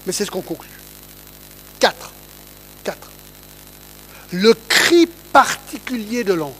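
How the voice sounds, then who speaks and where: A man's voice: sits high, big pitch swings, slow, sharp tone, slight background noise, poor audio. A man giving a conversational Bible teaching, reading verses aloud and often checking in with his listeners. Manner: asks listeners to check in, reads scripture aloud.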